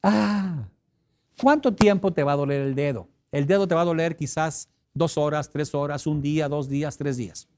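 Speaking at a normal speed in a fairly high, slightly mellow voice, a man with a Mexican accent leads a motivational seminar. He talks emphatically and poses questions to the audience.

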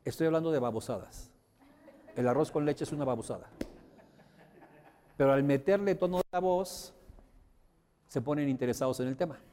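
A man giving a lively seminar talk to an audience, swinging his pitch for effect and asking the room questions. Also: moderate pace, long pauses. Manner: lively, theatrical pitch swings, demonstrating voice inflection. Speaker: communication trainer. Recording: long reverb of a hall.

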